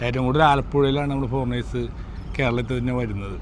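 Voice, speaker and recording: Quick-talking Kerala man mixing in English words. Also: mid-range voice, a little hiss or hum. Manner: mixes English words into Malayalam; prompts companion with frequent short questions. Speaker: travel vlogger. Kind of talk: casual vlog chat, guiding a tour.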